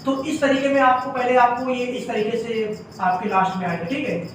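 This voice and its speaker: High-voiced man teaching, echoey room. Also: fairly even intonation, normal speed, recorded from a distance, slight background noise. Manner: explains step by step, often says "ठीक है". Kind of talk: classroom grammar lesson.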